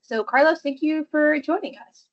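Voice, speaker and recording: A woman with a high voice speaking at normal speed hosts a podcast interview, asking questions loosely and warmly. She fills her phrasing with "you know" and "like," and the recording sounds dull and lo-fi.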